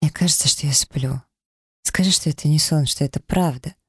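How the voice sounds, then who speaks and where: A man reading a romance audiobook, voicing an emotional young woman in love with a raised pitch and a breathless, pleading manner. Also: moderate pace, fairly bright tone, breathy edge, no room sound, studio quality, full character voice. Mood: tender.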